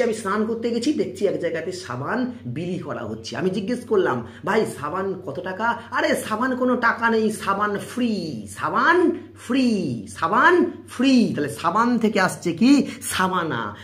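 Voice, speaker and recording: Lively quiz teacher. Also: male voice, high voice. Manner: drills with repeated questions and answers. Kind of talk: YouTube general-knowledge lesson.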